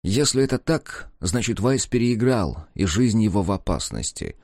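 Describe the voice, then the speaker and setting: Low-voiced man reading an audiobook. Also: very animated, normal speed, vocal fry, a little mellow, no echo, clean studio sound. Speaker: audiobook narrator. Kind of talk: audiobook narration.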